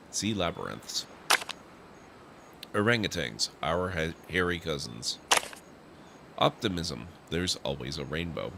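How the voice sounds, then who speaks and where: A man's voice: low voice, very noisy. A man commenting on a video game playthrough and reading game text aloud as he streams.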